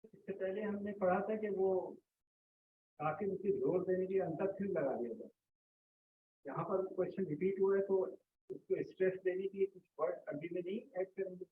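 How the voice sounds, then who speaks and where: A male student in a class, reading practice dialogue lines aloud haltingly and asking the teacher a question. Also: high voice. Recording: distant, tinny, echoey with faint noise.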